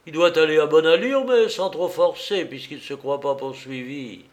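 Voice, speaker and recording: A man voicing a furious, imperious nobleman, exclaiming loudly in an audiobook reading. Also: fairly high pitch, moderate pace, voice pushed up, close to an everyday voice. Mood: urgent. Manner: shouting, exclaiming in anger.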